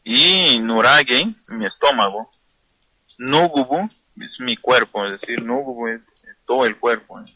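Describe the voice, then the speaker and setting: Man, language teacher, repeats each word, bright tone, very dry recording. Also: mid-range voice, expressive, no room sound, low-quality recording. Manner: slow, repeating words to drill pronunciation. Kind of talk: vocabulary lesson.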